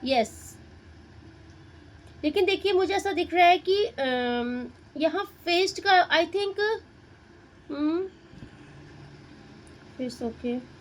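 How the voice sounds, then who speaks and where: Woman doing a tarot reading, high voice, bit of hiss behind. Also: animated, extremely slow, pauses often, low-quality recording. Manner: Hindi-English mix, addresses viewer directly, muses over cards. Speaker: tarot reader.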